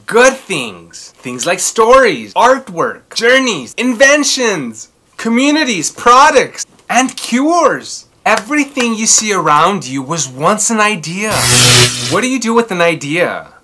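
Slowly and with great animation, a man in his thirties dramatizes a children's story, his high voice pushed and bright. The story-time session takes place in a small furnished room at home, with a little hiss or hum on the recording.

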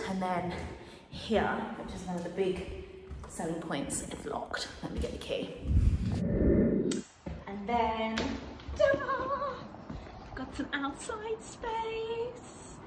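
A woman in her thirties chats playfully as she walks through bare rooms, her voice rising and falling in an animated way. The phone recording is roomy and echoey, with a steady layer of noise underneath. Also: on the high side. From England. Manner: chatty, playful, lively tour-guide banter. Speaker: vlogger. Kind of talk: casual house-tour vlog. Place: empty house with bare rooms and wood floors. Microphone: phone held at arm's length and on a tripod.

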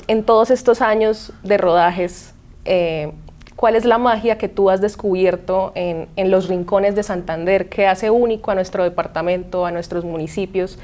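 A woman's voice: medium pitch, fairly even intonation, moderate pace, darkish tone. A woman hosting a news interview, friendly, with short acknowledgments. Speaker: interview host.

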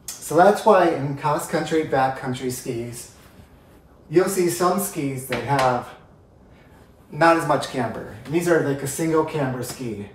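A man in his thirties walks through how skis work, speaking a little above the usual pitch for a man. He explains step by step while demonstrating, heard from a camera set well back. His voice carries the bounce of a roomy living room. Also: measured pace, recorded from a distance, a little hiss or hum. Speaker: ski instructor. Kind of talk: home demonstration tutorial. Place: living room by a brick fireplace. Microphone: far camera.

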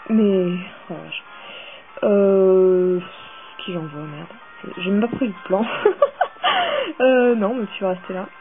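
A woman's voice: medium pitch, takes it slowly, pauses often. A woman playing a video game and commenting casually, swearing and getting worked up as she goes. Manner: swearing, excitable, rambling. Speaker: game player. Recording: tinny phone-like sound with faint music.

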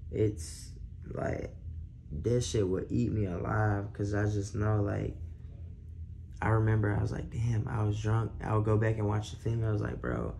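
A man's voice: fairly low pitch, normal speed, vocal fry, darkish tone, slight background noise. A young man hosting a vlog in casual, slangy chat, swearing and laughing often. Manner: slangy, profane, laughs a lot. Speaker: vlogger host.

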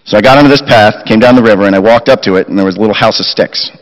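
A middle-aged man reads a family war story aloud from a chapel lectern, steady and brisk. His voice sits on the low side. The lectern mic picks him up with a long chapel reverb behind. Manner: steady reading with quoted recollections. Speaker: chapel speaker. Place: school chapel, indoors.

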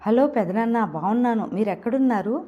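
A woman voicing an assertive young woman student who fires back quick comebacks in an audio novel. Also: on the high side, lively intonation, lo-fi sound.

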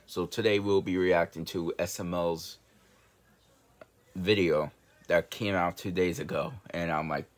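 A young man hosting a casual reaction vlog, talking in a halting, rambling way. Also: sits low, fairly even intonation. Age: young adult. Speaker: reaction video host. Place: small bedroom, indoors.

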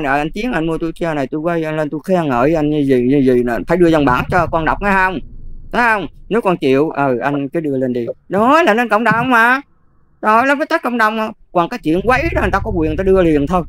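An older Buddhist nun with a Southern Vietnamese accent, talking casually and emphatically, often checking whether the listener follows. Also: female voice, on the low side. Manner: emphatic, keeps checking "see?". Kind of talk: casual advice talk.

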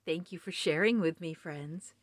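A woman reading a children's storybook aloud with warm, expressive storytelling. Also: on the low side, moderate pace, dry recording, clean studio sound. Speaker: storybook reader.

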